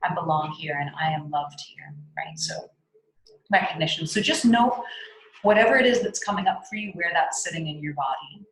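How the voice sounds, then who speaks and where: A woman with a low, grounded voice leads a spiritual workshop over a video call. She talks gently and circles back with "right?" and "um", and at times bursts into blunt, salty speech to act out anger. The sound has a roomy echo. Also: lively intonation, normal speed. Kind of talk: guided teaching on a video call.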